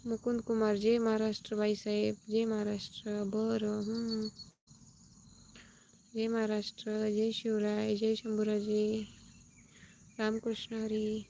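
A woman chats casually on a live stream from her farm field, her voice dark and mellow with a gravelly edge. She talks in a flat, even tone, thanking viewers one by one, while crickets and insects hum outdoors around her phone. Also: medium pitch, slow, pauses often. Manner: reads out comments and thanks viewers, chatty.

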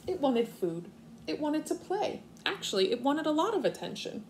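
Animated woman reading to young children. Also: high voice, rough recording. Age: young adult. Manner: expressive, deliberate, explaining simply to young children. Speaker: kindergarten teacher. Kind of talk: children's read-aloud with explanatory asides. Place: living room at home, indoors. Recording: faint room noise, home video.

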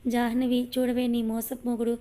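A woman playing a bickering middle-aged mother-in-law in an audio story. She scolds and hurls accusations at full volume. The voice is fairly high and dark, with a flat pitch. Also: normal speed, lightly acted. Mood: quarrelsome. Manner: loud, scolding.

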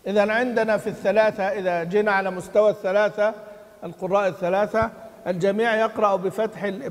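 A man teaching Quran recitation in a lesson. He quizzes his students and then answers himself, and he chants the quoted verses slowly. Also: high-pitched. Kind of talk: classroom lesson. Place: study hall of a mosque. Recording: long hall reverb.

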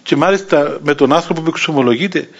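A man in his sixties with a Cypriot Greek accent, an Orthodox bishop telling a story in a sermon and acting out the voices of the people in it. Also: fairly high pitch. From Cyprus. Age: 60s. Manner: lively anecdotal telling, acting out quoted voices, chuckling. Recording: dull lo-fi recording.

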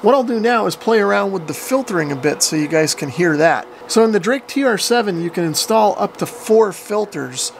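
A radio hobbyist gives a casual, hands-on equipment tutorial in an indoor workshop full of radio gear, explaining as he goes. His high voice is brisk with lively intonation and few pauses. A nearby camera mic picks up noise and a cooling fan's hum.

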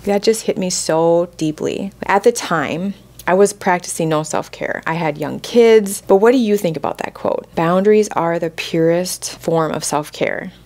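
Candid, heartfelt woman podcast host, low voice. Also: normal speed, a little mellow. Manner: candid, heartfelt, casual with frequent "like". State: close to tears at moments. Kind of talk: personal storytelling on a podcast.

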